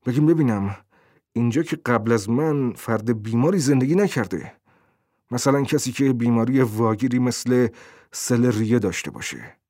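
A man's voice: mid-range voice, animated, warm tone, dry recording, clean studio sound, lightly acted. A man voicing a nervous, hunted man who anxiously mutters his thoughts to himself, in a storybook reading. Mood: probing.

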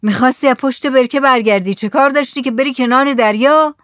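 A man's voice: very high-pitched, a bit bright, no echo, studio quality, voice pushed up. A woman doing a cautious village headman.

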